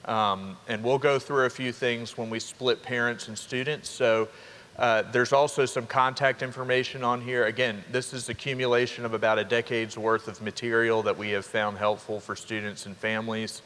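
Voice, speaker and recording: A young man, a college dean of students giving an upbeat orientation welcome to students and parents, with quick asides to the crowd. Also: medium pitch, little pitch movement, fairly bright tone. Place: large hall. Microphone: handheld microphone. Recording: reverberant hall with faint ambience.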